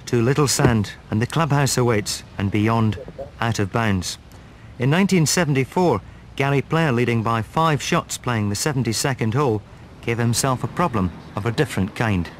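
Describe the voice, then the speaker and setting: A man's voice: mid-range voice, moderate pace, a little hiss or hum. A man reading scripted narration for a sports documentary.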